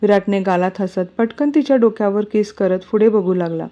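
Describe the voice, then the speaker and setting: A woman narrating a story in a steady, even reading voice. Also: mid-range voice, a little fast, dull audio.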